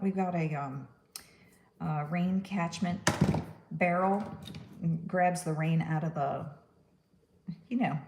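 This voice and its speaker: During her crafting livestream, a stop-motion puppet maker from New York who speaks with a Texan accent rambles casually and laughs at her own puns. She has a low-pitched, darkish voice, and a little hiss or hum sits in the audio.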